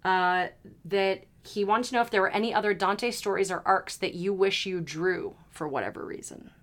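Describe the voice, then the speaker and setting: A woman's voice: mid-range voice, moderate pace, a bit bright. A woman hosting a podcast, chatting casually, leading the talk and reading out listener questions. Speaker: podcast host. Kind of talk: casual chat.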